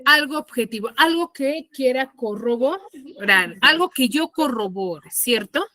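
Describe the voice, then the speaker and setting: A woman's voice: sits high, lively intonation, a little slow, bright, forceful tone, dry recording. A woman teacher giving an online grammar lesson on a video call, patiently checking in with her pupils after each point. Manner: patient, asks pupils frequent check-in questions.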